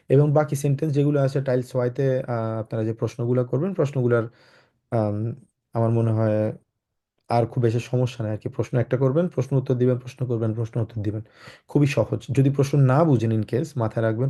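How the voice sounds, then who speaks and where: Mellow-voiced man teaching. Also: medium pitch. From Bangladesh. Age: 20s. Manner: slow, clearly spaced model sentences; loose, halting delivery with many fillers. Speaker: German language teacher. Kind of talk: online lecture to students.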